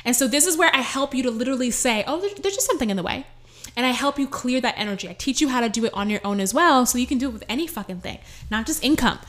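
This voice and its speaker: A woman life coach giving a casual motivational talk, blunt and animated, with frequent swearing. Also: fairly high pitch, racing, few pauses.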